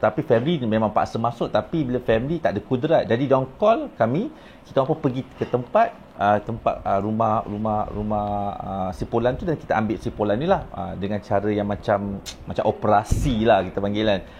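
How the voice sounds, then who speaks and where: A man's voice: fairly low pitch, lively intonation, fairly quick, darkish tone, muffled recording, a little hiss or hum. Chatty man telling stories. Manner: chatty, rambling, mixes in English words. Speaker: rehab counselor telling client stories. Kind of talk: casual storytelling vlog.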